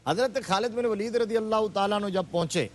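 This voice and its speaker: A man's voice: high-pitched, a little hiss or hum. Fervent male religious scholar on TV. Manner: fervent, building to emphatic exclamations. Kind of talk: religious TV discussion, storytelling. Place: TV studio.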